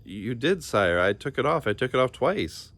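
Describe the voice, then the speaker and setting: A man's voice: medium pitch, very animated, moderate pace, fairly bright tone, pitched above the performer's own voice. Man doing a timid, polite, bewildered young commoner. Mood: bewildered, apologetic. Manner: meek, polite, earnest.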